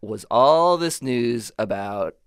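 A man's voice: mid-range voice, expressive, slow pace, smooth, no room sound. A man, a reporter, explaining news in a conversational way as a studio guest. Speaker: reporter and producer, show guest.

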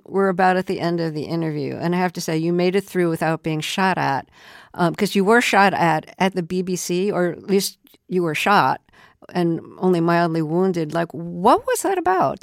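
A woman's voice: on the low side, normal speed, no echo, studio quality. A woman with an American accent conducting an interview in a conversational way, feeling her way through her phrases. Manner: hesitant, searching phrasing. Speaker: radio interviewer.

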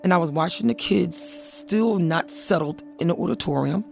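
Gravelly-voiced woman principal telling a story. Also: fairly low pitch, moderate pace, a little mellow, soft background music. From Philadelphia. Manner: vivid storyteller who acts out quotes. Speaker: school principal. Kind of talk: interview storytelling.

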